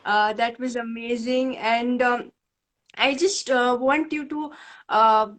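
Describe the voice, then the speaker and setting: Woman host, high voice, hesitant and earnest interviewer on a video call. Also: steady tone, slow, fairly bright tone, low-quality recording. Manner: hesitant, many fillers, earnest. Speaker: livestream host. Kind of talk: interview questions.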